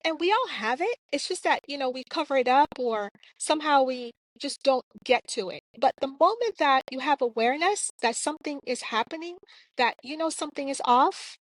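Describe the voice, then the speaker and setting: A woman's voice: high-pitched, no room sound, poor audio. A woman from Jamaica, a clinician and author, answering interview questions in a reflective, earnest way with frequent fillers.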